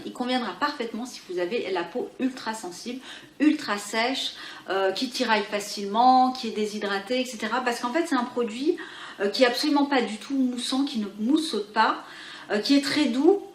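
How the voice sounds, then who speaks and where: A woman talking through her favorite beauty products in a casual vlog, pausing often and restarting her sentences. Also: on the high side, slight background noise. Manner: hesitant, full of pauses and restarts. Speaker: beauty vlogger. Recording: echoey room with faint ambience.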